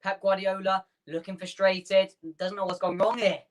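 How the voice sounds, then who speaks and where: A man hosting a fan watchalong, calling the match player by player in quick bursts and chatting with his viewers between the action. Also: high-pitched, little pitch movement. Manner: rapid player-by-player calls, chatty asides to viewers. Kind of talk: live play-by-play fan commentary.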